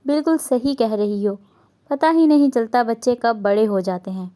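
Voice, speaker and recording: A woman's voice: a little high, expressive, warm tone, lightly acted. A woman voicing an older grandfather in a novel reading, tender and sentimental.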